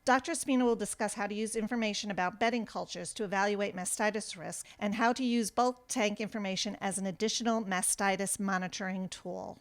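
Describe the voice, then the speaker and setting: Smooth-voiced woman hosting a webinar. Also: medium pitch, steady tone. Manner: measured, formal read-out. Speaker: webinar host introducing the speaker. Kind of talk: scripted introduction.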